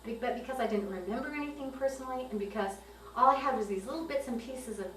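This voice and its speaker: A woman's voice: high-pitched, fairly bright tone. Woman testifying from a distant mic. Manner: earnest, halting storytelling. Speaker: witness giving filmed testimony. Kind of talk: personal testimony. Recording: roomy, distant mic with faint hiss.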